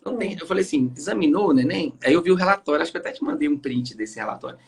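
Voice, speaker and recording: A pediatrician with a Brazilian Portuguese accent joins a casual live chat as a guest, calling in by video from his home. His fairly high, husky voice comes out rapid-fire with vocal fry as he tells lively stories and imitates what the mothers say.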